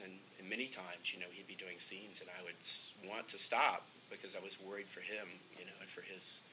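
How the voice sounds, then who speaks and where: A man, a film director, telling in an interview how his film came together, earnest and often pausing with ums. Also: sits low, bright, forceful tone, slight background noise, poor audio. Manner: earnest, gets emotional, frequent ums and uhs. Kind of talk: interview, storytelling.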